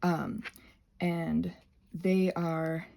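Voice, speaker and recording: Talking extremely slowly in a flat, creaky, mellow voice on the low side, this craft video creator walks through butterfly wing prep. She rambles and hams it up, breaking off mid-thought to chat with herself and her materials, all captured on a phone.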